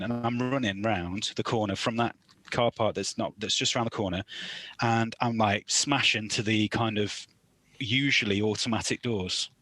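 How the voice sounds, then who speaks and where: A man in his thirties with an English accent, telling a lively story on a casual podcast and acting out the lines he quotes. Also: on the low side, no room sound. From England. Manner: animated storyteller, acts out quoted lines loudly. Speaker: podcast co-host, new father.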